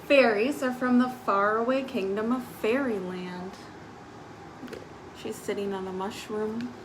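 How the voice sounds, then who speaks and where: A woman hosts a children's storytime live stream, reading picture books in an unhurried, medium-pitched voice with fairly even intonation. Between passages she offers simple, casual explanations for young listeners, over faint background noise.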